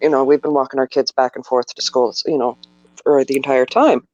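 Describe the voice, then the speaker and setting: A man's voice: medium pitch, fairly even intonation, a little fast, darkish tone, dull audio. A man hosting a casual podcast chat from his apartment, rambling and repeating words as he tells a story. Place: apartment at home.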